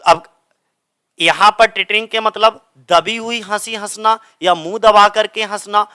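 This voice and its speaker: A man's voice: high-pitched, fairly even intonation, measured pace, bright, forceful tone, clear, resonant tone. A young adult man teaching English literature, explaining step by step and asking and answering his own questions. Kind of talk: classroom explanation of grammar.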